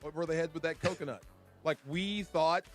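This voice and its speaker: A man in his forties co-hosting a casual sports radio show, excitable and laughing often. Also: on the high side, moderate pace, faint music behind.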